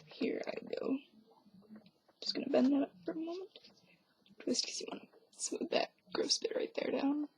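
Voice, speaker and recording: A young woman whispers her way through a homemade craft tutorial, tossing in dry, self-mocking asides. Her voice sits high with a gravelly fry under the hush, like someone keeping quiet at home. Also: normal speed, pauses often, rough recording. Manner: self-deprecating, offhand asides.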